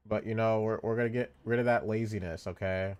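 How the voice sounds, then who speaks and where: Sleepy guy streaming, rambly, kinda yawny, smooth clear voice. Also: on the low side, steady tone, brisk, a little mellow. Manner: tired, rambling, repeats himself. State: sleepy, yawning. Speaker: vtuber streamer. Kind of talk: casual live-stream chat.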